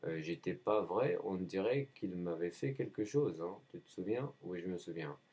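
A man in a rambling spoken monologue, halting often and repeating himself as if answering his own questions. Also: sits low, lively intonation, dark tone, slightly rough. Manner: halting, frequent hesitations.

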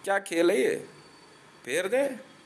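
A man's voice: high-pitched, very animated, takes it slowly, creaky, slight background noise. A man from India delivering a profane ranting monologue, aggressive and taunting, swearing constantly and laughing between threats.

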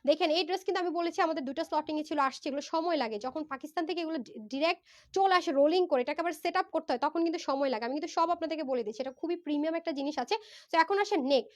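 A woman from Bangladesh, hoarse from a fever, giving a persuasive live sales pitch on a phone stream and mixing in English words. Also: rapid-fire. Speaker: online clothing seller. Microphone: phone livestream.

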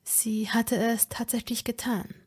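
A woman narrating a fanfiction audiobook in the first person, with dramatic delivery that often drops to a breathy whisper. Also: on the high side, flat delivery, a little slow, a little mellow.

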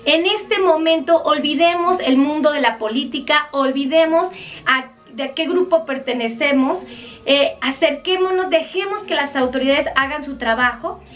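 A woman's voice: sits high, moderate pace, a bit bright, distant mic. A woman doctor with a Mexican accent giving earnest, pleading health advice to viewers on a live stream.

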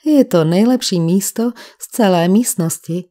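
A woman's voice: medium pitch, warm tone, natural voice. Woman reading as a sly fraud doctor. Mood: persuasive. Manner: falsely friendly, persuasive. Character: smooth-talking male sanatorium doctor, sly fraud.

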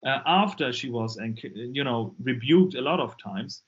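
A man from Germany with a German accent, speaking English as a guest in an interview about his ministry, earnest and animated. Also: mid-range voice, moderate pace. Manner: earnest, animated, acts out quoted voices. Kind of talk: casual interview over a call. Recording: muffled lo-fi call audio.

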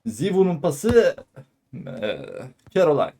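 High-pitched male football commentator, excitable, shouting at peaks. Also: takes it slowly, gravelly, slight background noise. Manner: excited shouting on goals and shots; clipped phrases, calling out player names. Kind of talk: live play-by-play match commentary.

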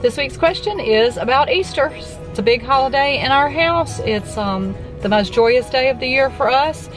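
A middle-aged woman chats casually into a camera held at arm's length from her parked car. She walks through prices and plans for the week in an easy, talkative way. Clear background music plays under her voice. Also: high voice, lively intonation, normal speed. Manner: chatty, thrifty, talks through prices and plans. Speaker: cooking channel host. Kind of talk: casual vlog chat.

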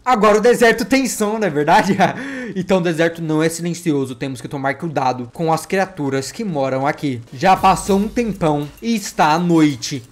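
A man's voice: on the high side, expressive, fairly quick, faint music behind. A man narrating a survival game in character as a wolf father, with dramatic storytelling and playful exclamations. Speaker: gameplay vlogger voicing his wolf character.

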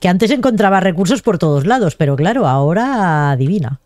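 A woman's voice: fairly low pitch, animated, brisk, a little mellow, soft background music. A young woman giving casual, chatty gameplay commentary and talking to herself as she plays. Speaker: gaming video host.

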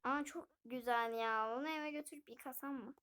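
A woman chats her way through a life-sim game for a gaming video, often speaking directly to viewers. She talks fairly quickly in a high-pitched, somewhat bright voice.

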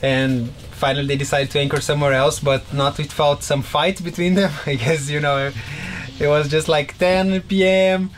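Laid-back sailor guy, talking in his boat cabin, voice a bit high, faint hiss. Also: moderate pace. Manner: relaxed, rambling with fillers. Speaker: sailing vlogger. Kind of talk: casual chat. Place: inside a sailboat cabin.

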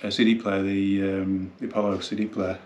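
Male dealer, low-pitched, easygoing unboxing chat; noisy room with clicks. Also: level tone, brisk, a little mellow, reverberant. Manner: chatty, thinking aloud while handling the product. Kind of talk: casual unboxing talk.

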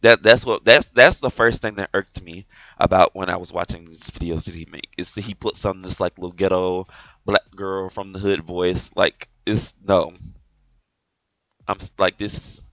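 A man giving an exasperated opinion rant to camera, repeating himself and filling pauses with "like". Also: sits low, fairly even intonation, a bit bright, no room sound, highs cut off. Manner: exasperated, repetitive, heavy on "like" fillers. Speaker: gaming video creator.

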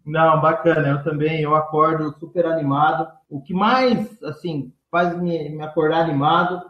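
A man, a teacher of entrepreneurship, answering interview questions in relaxed talk with many fillers and trailing phrase ends. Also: fairly high pitch, normal speed, echoey room, lo-fi sound. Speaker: entrepreneurship teacher and speaker, guest.

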